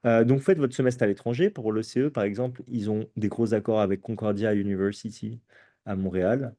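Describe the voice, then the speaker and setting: A man with a fairly low, mellow voice speaks to students as a prep course presenter. He sounds tired, explains step by step, hesitates often and keeps checking that his listeners follow. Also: a little fast. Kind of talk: informational talk to students.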